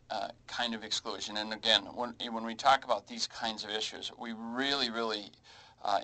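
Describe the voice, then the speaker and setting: A man's voice: medium pitch, bright, forceful tone, rough recording. A man hosting a financial radio talk show, speaking casually with many fillers and restarts.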